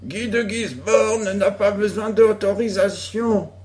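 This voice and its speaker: An earnest, stubborn young boy playing the villain in a pretend duel, as a male reader acts him out. The voice sits higher than a man's usual talk. It is a storybook reading, unhurried. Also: darkish tone. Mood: declaiming.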